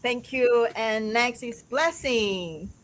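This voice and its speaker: Woman, live-stream host, a bit high, giggly, hesitant. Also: slow pace, low-quality recording. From Taiwan. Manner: laughs often, hesitant with many fillers. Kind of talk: casual live-stream chat.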